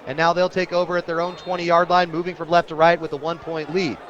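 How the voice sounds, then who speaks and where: Heard with the highs cut off, an American man gives quick-paced radio play-by-play of a live high school football game. He's openly for the home team and gets excitable on big plays.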